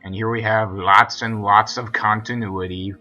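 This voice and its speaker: Young male commentator, low, bright-edged, slightly husky voice, chatty and rambling. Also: steady tone, normal speed, dull audio, soft background music. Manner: rambling, filler-heavy, chatty. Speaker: episode commentator. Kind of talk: casual video commentary.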